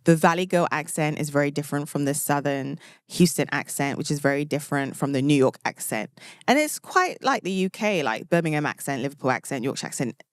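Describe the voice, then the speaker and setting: A woman's voice: deep voice, expressive, a little fast, dry recording, clean studio sound. A young British woman hosting a podcast, chatting casually and expressively, with lots of "like" and laughter. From United Kingdom. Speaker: podcast host. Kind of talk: casual chat.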